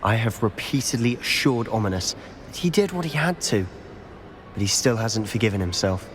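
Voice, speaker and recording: An actor playing a secretive, determined teenage wizard in a video game, speaking with hushed, deliberate emphasis. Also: male voice, fairly low pitch, animated, natural voice. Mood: grave, confiding. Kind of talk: video game dialogue acting. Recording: long reverb, noisy background.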